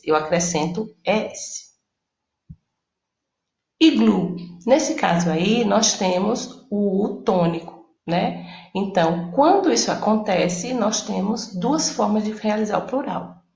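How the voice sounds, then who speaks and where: A woman's voice: mid-range voice, expressive, takes it slowly, gravelly, a little mellow, roomy sound. A Portuguese-speaking woman teaching a recorded Spanish lesson, explaining each step and checking in with her students as she goes.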